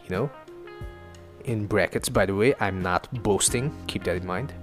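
A young Assamese-speaking man from Northeast India hosts his own podcast, talking solo in a loose, chatty way packed with swearing and jokes at his own expense. His voice is low and moves at a moderate pace. He records on a home studio mic, with soft music playing in the background.

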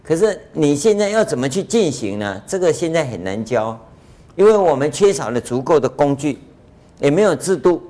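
An older man gives a Buddhist dharma lecture in a conversational way, full of rhetorical questions and drawn-out filler sounds. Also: on the high side, sing-song, mellow. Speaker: Buddhist master giving a lecture.

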